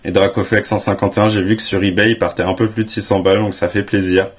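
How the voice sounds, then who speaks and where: A young man with a French accent, giving casual, excitable commentary as he reveals graded trading cards, exclaiming often with slang. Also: on the low side, fast talker, slightly rough. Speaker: card collecting YouTuber.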